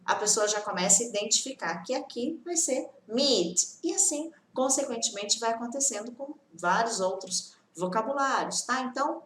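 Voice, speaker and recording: Chatty Brazilian English teacher, high voice. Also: female voice, expressive, fairly bright tone, reverberant, a little hiss or hum. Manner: chatty, repeats reassuring tag questions; acts out students' complaints in quick bursts. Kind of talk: casual online lesson.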